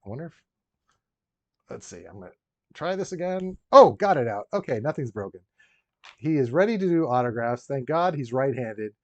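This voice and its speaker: A man hosts a casual toy-collector live stream, rambling and joking with viewers and tossing in dry, teasing asides. His mid-range, slightly mellow voice is very animated at normal speed, with frequent pauses. The recording has roomy echo and a dull lo-fi sound.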